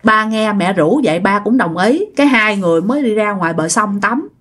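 A woman with a Southern Vietnamese accent narrating a spooky family tale. She speaks in a chatty, conversational way and turns to address her listeners directly, in a voice of ordinary pitch. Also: animated, brisk, a bit bright, husky. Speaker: storyteller. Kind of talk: spoken ghost story narration.

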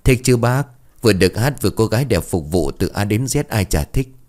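A man voicing a dim, cheeky young male sidekick in a spoken ghost story, with a whiny, excitable voice. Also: fairly quick, natural voice. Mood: excited. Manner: whiny, excitable, high-pitched.

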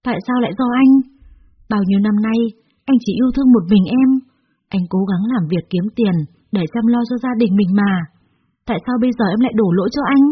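A woman reading the part of a gentle, heartbroken old husband who pleads softly with his wife in an audio story. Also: fairly high pitch, quick pace, slightly rough, dull audio, pitched above the performer's own voice. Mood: pleading. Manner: soft pleading tone.

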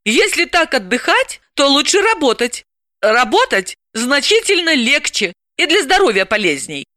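A woman's voice: high-pitched, very animated, moderate pace, pushed and bright, dry recording, studio quality, voice pushed up, heavily acted. A woman reader voicing an indignant, ironic female psychoanalyst. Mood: exasperated. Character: exasperated sharp-tongued woman psychoanalyst.

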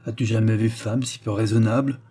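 A gruff old forester in a spoken novel, father to a departing son, who talks things over in halting, rambling sentences, voiced by a man reading. The voice is dark, low and husky. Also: fairly even intonation, lightly acted.

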